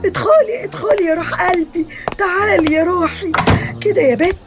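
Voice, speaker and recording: An actress playing a loud, doting, meddlesome Egyptian aunt in a radio comedy, with an Egyptian accent and a theatrical, wailing way of scolding. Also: female voice, very high voice, fairly quick, over music. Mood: fussing, doting. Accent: Egyptian Arabic.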